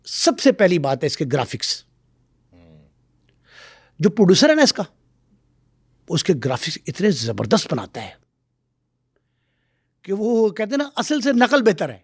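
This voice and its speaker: A middle-aged man speaking as a guest on a talk show, telling stories in a lively way and acting out the voices he quotes. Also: sits high, pauses often, husky, no echo, studio quality. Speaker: guest expert. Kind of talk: animated talk-show storytelling.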